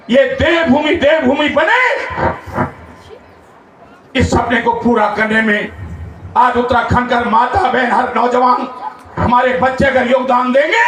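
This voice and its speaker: A man's voice: very high voice, a bit bright, a little hiss or hum. A man with a Garhwali accent giving a declamatory storytelling speech at a village Ramlila. He repeats phrases for rhythm. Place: outdoor village stage event. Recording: echoey distant PA sound with faint crowd.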